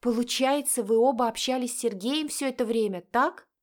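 A woman's voice: normal speed, close to an everyday voice. A woman doing a flustered young sister. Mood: agitated. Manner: high, emphatic and exclaiming.

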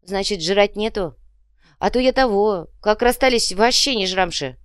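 A woman voicing a hungry, scrappy male goblin-like fighter who talks crudely and yells, raising her pitch well above her own for him. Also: expressive, normal speed, clean tone, dry recording, studio quality, lightly acted. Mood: hungry, shouty. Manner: crude, yelling, whiny.

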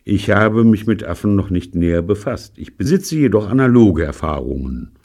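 A man reading aloud, voicing a calm, patient adult schoolmaster who lectures in a dry, level way. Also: lowish voice, normal speed, vocal fry, pitched above the performer's own voice. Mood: calm, lecturing.

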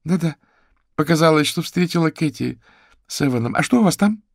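A man voicing a tearful young woman who turns menacing, in a high put-on voice. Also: lively intonation, brisk, vocal fry, no room sound, studio quality. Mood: probing.

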